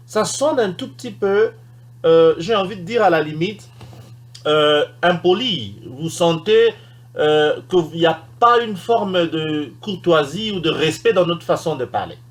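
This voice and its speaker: Lively high-voiced man teaching English. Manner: explains slowly, repeats English example sentences with emphasis. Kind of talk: recorded language lesson.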